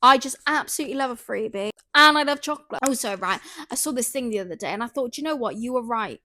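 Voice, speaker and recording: Ranting woman with a higher voice. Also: fast talker. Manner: animated, oversharing, swears freely when ranting. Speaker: podcast host. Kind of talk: casual ranting podcast chat.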